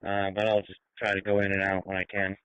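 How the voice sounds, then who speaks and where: A man talks informally on a narrowband scanner radio. His voice sits fairly low and comes through smooth and dry. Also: monotone, fast talker, a bit bright, dry recording. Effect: two-way radio.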